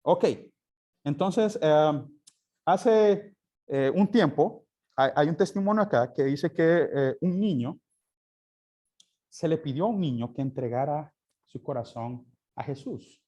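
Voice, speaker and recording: A man's voice: fairly high pitch, animated, slow, dark tone. A man teaching a Sunday school class, often asking his listeners questions and answering them himself. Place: church classroom.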